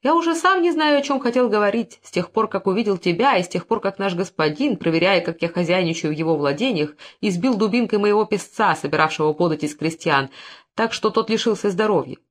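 A reader voicing a scheming, flattering Phoenician moneylender in an audiobook, oily and wheedling in manner. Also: medium pitch, fast, natural voice. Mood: fawning. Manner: oily flattery turning to angry cursing. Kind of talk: audiobook character reading.

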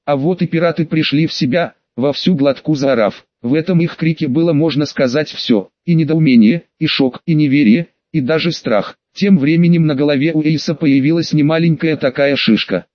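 A man's voice: fairly high pitch, dry recording. A man narrating an audiobook in the first person, in a casual, ironic storytelling manner. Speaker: audiobook reader. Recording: dull, dry lo-fi recording.

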